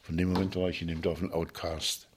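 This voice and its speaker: An older man recounting childhood memories in a reflective, halting way, pausing and restarting his sentences. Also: sits low, flat delivery, a little hiss or hum.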